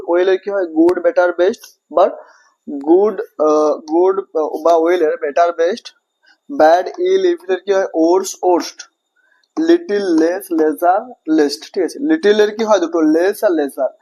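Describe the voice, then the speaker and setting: A man with a Bengali accent explains English grammar in a classroom style, asking questions and answering them himself. His voice sits high, and he keeps checking that his listeners follow along. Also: dark tone. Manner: repetitive, checks understanding often, asks and answers own questions. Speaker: English teacher.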